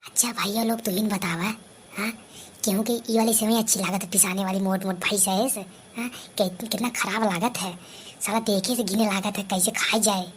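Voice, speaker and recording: A woman's voice: mid-range voice, fairly even intonation, fairly quick. A woman with an Awadhi accent voicing a put-upon young daughter-in-law who grumbles and mocks in a cartoon comedy, with faint noise behind. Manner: grumbling, mocking asides. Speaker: comedy voice artist. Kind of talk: scripted cartoon comedy dialogue.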